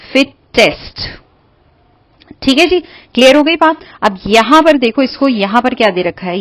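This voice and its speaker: A woman's voice: on the high side, fairly bright tone, dry recording. A woman teaching an English lesson to schoolchildren in a patient, step-by-step way, asking questions and answering them herself. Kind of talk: classroom lesson explaining grammar.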